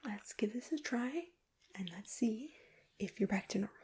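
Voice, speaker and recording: A woman doing a whispered role-play as an ear examiner, speaking in a breathy, gentle, reassuring whisper with close personal attention. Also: a little high, expressive, normal speed. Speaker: ASMR performer playing an ear examiner.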